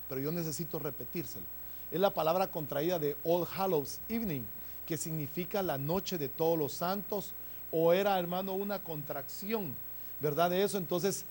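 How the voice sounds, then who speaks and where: A pastor delivers a sermon to his congregation in a notably high-pitched voice. He keeps turning to the listeners with brotherly asides and pushes his points with rising emphasis. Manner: preaching with frequent "hermano" asides, rising emphasis.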